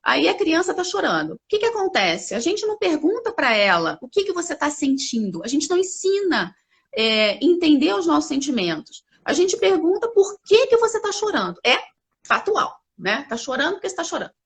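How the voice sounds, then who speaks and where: A woman speaking as a company CEO guest in a live interview, explaining ideas with animated examples. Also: high voice, brisk. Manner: animated, acts out examples with lively voices.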